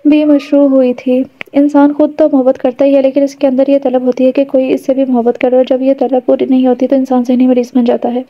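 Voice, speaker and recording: A woman's voice: sits high, lo-fi sound. A woman narrating an audiobook at home, reading steadily with occasional hesitations.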